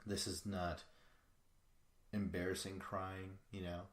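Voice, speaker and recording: A man's voice: low-pitched, flat delivery, slow. A man hosting a podcast, rambling through a casual solo recap with profane, chuckling asides. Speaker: podcast host. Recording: echoey room.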